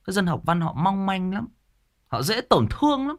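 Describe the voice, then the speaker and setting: A man's voice: high-pitched, sing-song, moderate pace. A man from Vietnam, hosting a ghost story channel and chatting emphatically with his listeners. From Thai Nguyen, northern Vietnam. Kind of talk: casual chat to listeners.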